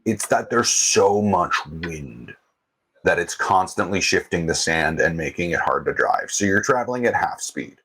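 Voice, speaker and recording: A man with a very low, husky voice runs a tabletop game. He talks in a relaxed way, often pausing on fillers while he hunts for the right word. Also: poor audio. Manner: relaxed, searching for words with many fillers. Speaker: game master.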